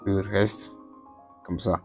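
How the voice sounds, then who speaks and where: A man's voice: lowish voice, flat delivery, very slow, soft background music. A man teaching an electronics lesson, explaining while he writes and tossing casual asides to viewers. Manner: apologizes for his English pronunciation. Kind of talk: whiteboard lesson.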